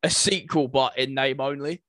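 With a mid-range, fairly bright voice and fairly even intonation, this podcast co-host speaks at a moderate pace, musing hesitantly in a casual conversation about video game movies. The studio recording is clean, with no room sound.

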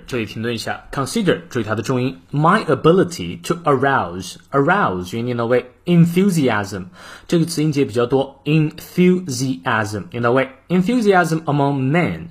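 Male English teacher, husky, lively intonation, explains then reads aloud slowly. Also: mid-range voice. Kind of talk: morning English reading lesson.

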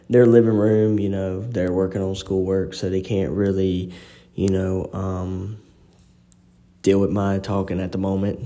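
A man's voice: sits low, warm tone. A man hosting a podcast, telling a personal story in a rambling casual way with lots of fillers, recorded on a phone in an echoey apartment living room. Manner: rambling, frequent "you know" fillers. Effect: echoey room reverb. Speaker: podcast host.

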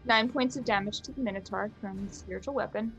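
A woman's voice: mid-range voice, fast talker, gravelly, highs cut off, music in the background. A woman playing a tabletop game, unsure of her spells, apologetic and giggly. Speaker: player. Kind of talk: casual tabletop play.

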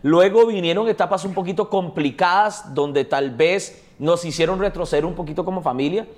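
A man's voice: high-pitched, normal speed, darkish tone. A man with a Costa Rican accent, a guest in a casual interview, telling his story in a chatty way with frequent tag questions. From Costa Rica.

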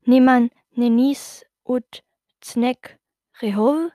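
A woman's voice: a little high, fast, darkish tone, no echo, clean studio sound, natural voice. A woman voicing a wary little kobold girl. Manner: speaks in backwards gibberish. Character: captured female kobold, wary and small.

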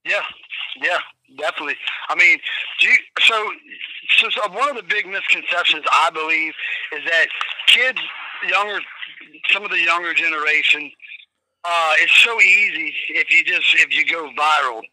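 Man, festival promoter, folksy and plain-spoken, very bright voice, dry phone line. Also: a little high, normal speed, no room sound. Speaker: festival promoter and talent manager. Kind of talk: casual interview chat.

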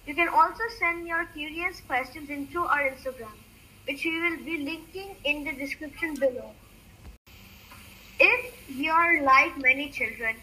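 A woman's voice: high voice, sharp tone, slight background noise, poor audio. A woman hosting a children's science series, reading a scripted educational explanation in a careful, read-aloud way.

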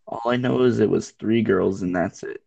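A man co-hosting a casual podcast, joking around and squeaking up high for gags. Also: normal speed, gravelly, darkish tone, far from the mic, dull audio, a little hiss or hum. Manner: joking, goofy, jumps into squeaky high bits. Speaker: podcast co-host.

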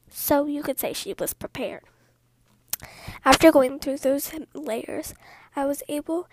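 A woman in whispered storytelling, speaking softly in a hushed whisper with rambling asides. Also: sits high, no room sound. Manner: slow, hushed delivery.

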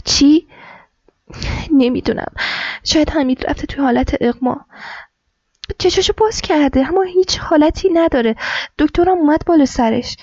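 A woman's voice: sits high, animated, long pauses, no echo, pitched above the performer's own voice. A woman voicing an anxious young wife. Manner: worried, pleading. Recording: dull lo-fi with soft music.

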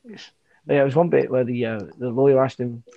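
A man's voice: mid-range voice, a little fast, creaky, lo-fi sound. A young man in casual chat, retelling stories and swearing freely. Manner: storytelling, mimics people, swears.

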